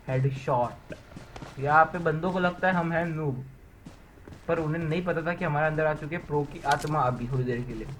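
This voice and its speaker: A young man giving a casual, excited and self-mocking voice-over of his own gameplay, telling the match as a joking story. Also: a little high, slight background noise, poor audio. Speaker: gamer narrating his match. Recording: voice-over with clear game gunfire behind.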